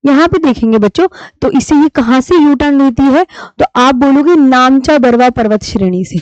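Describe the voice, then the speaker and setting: A woman teaching a live online class with a fairly high voice, patient and deliberate as she drills key terms. The sound is dry, close and a little dull, like lo-fi stream audio. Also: a little mellow, dry recording. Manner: patient, repeats key terms slowly for students.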